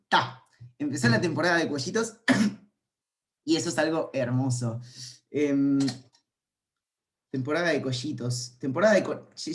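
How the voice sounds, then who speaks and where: A man, a university calculus lecturer giving an informal online class, playful and rambling as he thinks aloud. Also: medium pitch.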